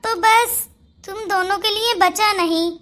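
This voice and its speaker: A high voice doing a bossy scheming mother-in-law. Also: measured pace, pushed and bright, heavily acted. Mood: dismissive. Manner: scolding, plotting. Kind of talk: Hindi cartoon voice acting.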